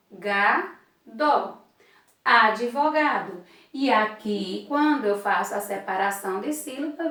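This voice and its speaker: A woman teacher from Brazil gives a lesson in a slow, patient voice, sounding out each syllable with care. Her voice sits a little high. It is recorded from a distance in a strongly echoing room. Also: a bit bright. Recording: echoey room, voice far from the mic.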